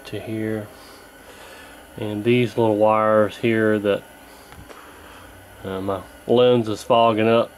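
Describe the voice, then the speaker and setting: A man with a lowish, somewhat mellow voice casually explains a repair as he does it, filmed on a handheld camera near an indoor workbench. He is the host and fixes radios, and the audio is poor, with the camera mic adding noticeable noise.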